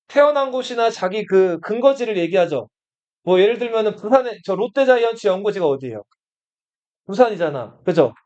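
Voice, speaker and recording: A man's voice: high-pitched, darkish tone. A man teaching a Korean history lesson to students in a classroom. He keeps asking the class questions and then answers them himself. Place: study room classroom. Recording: dull lo-fi classroom recording.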